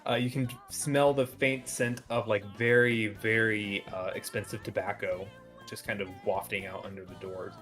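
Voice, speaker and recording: Man, game master, relaxed descriptive narration, frequent ums, faint music behind. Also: fairly low pitch, normal speed.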